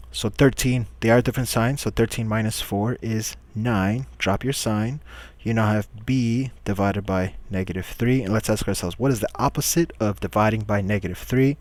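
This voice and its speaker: A man's voice: lowish voice, no room sound. A man teaching a recorded math lesson, patiently walking through each step and asking questions he then answers himself.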